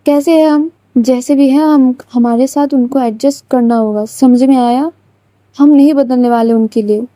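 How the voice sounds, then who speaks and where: A woman's voice: sits high, steady tone, moderate pace, mellow, no room sound, clean studio sound, natural voice. A woman voicing a hot-tempered young female student who snaps and repeats angry questions.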